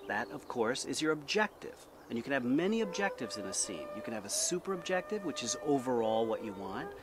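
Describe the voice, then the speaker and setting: Male drama teacher for an acting lesson: emphatic, deliberate, widely varied intonation, clear background noise. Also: medium pitch, very animated. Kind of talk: instructional lecture to camera, drama teacher.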